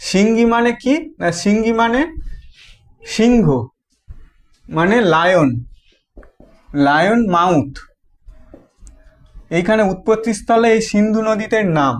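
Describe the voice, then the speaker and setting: High-voiced man teaching, repeating himself. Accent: Bengali. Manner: asks questions and answers them himself, repeats words often; halting, restarts phrases. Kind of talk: classroom history lesson.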